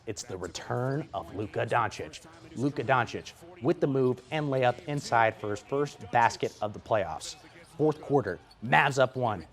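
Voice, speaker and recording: Here an American man working as a sports reporter reads highlight narration from a script, giving it an energetic play-by-play delivery.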